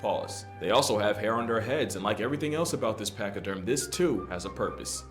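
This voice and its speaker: A man's voice: on the low side, expressive, brisk. A man narrating a nature video from a comedic script in a wry, irreverent manner. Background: guitar music.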